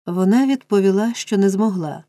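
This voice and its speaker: A woman's voice: mid-range voice, normal speed, mellow, dry recording, natural voice. A woman voicing a sleepy, smug young informer. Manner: drawling, smug, giggling.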